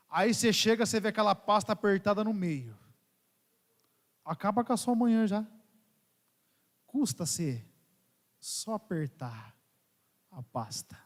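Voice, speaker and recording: Brazilian priest joking in a homily. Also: male voice, high voice. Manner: humorous storytelling, addresses the congregation as "gente". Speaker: parish priest. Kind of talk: homily at Mass. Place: large church. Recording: long church reverb.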